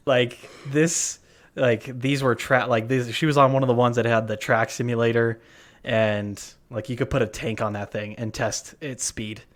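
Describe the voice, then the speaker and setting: A man's voice: medium pitch, fairly even intonation, a little slow. A man co-hosting a podcast, telling a story in casual chat, full of fillers and restarts. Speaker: podcast co-host. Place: worked at a gym front desk.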